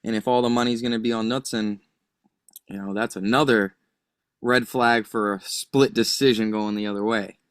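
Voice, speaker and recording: A man's voice: on the low side, steady tone, normal speed, a bit bright, clean tone, no echo, clean studio sound. A man who works as a betting analyst, chatting casually and arguing his picks with lots of hedging. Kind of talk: casual chat.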